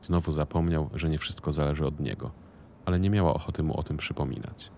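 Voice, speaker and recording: A man narrating an audiobook in a steady, even reading voice. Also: a bass voice, fast, vocal fry, slight background noise.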